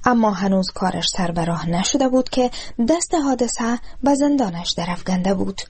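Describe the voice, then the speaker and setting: Husky woman reading a story. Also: mid-range voice, expressive, a little mellow. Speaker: narrator. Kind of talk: reading a literary short story aloud.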